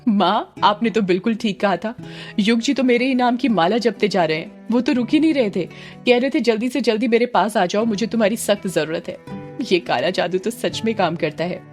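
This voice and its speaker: A woman's voice: medium pitch, fairly quick, darkish tone, faint music behind, lightly acted. A woman voicing a timid, lovestruck young daughter who hesitates and stammers. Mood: eager.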